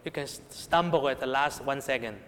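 A man's voice: mid-range voice, a little fast, fairly bright tone. Hong Kong-accented male preacher in a reverberant hall. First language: Cantonese. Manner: rhetorical questions, repeated check-ins with listeners. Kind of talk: sermon to young people.

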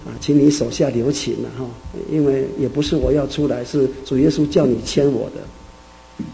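A man's voice: medium pitch, fairly even intonation, normal speed, gravelly, warm tone, slight background noise, natural voice, rough recording. A man doing a meek pleading snail. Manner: pleading, apologetic.

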